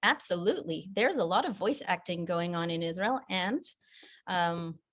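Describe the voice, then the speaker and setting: This woman, a voice actor and theater producer whose first language is French, chats in an interview about her voice work, frequently starting over. Her English has an American-sounding accent, and her lowish voice is animated and a bit bright, at normal speed.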